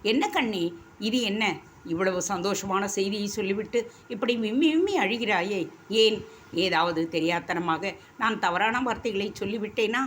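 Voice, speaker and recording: A woman reading the lines of an earnest, tender young prince, gentle and reassuring in a storybook. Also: fairly low pitch, big pitch swings, normal speed, a little hiss or hum.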